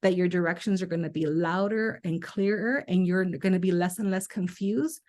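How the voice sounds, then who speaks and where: A woman's voice: lowish voice, normal speed, darkish tone. A woman hosting a podcast as a spiritual life coach, talking candidly and animatedly, swearing casually and acting out her own past reactions.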